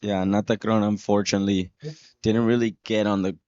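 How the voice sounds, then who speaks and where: A man's voice: lowish voice, little pitch movement, a little fast, a little mellow, no room sound, highs cut off. A man giving live surf contest commentary in a laid-back surfer manner.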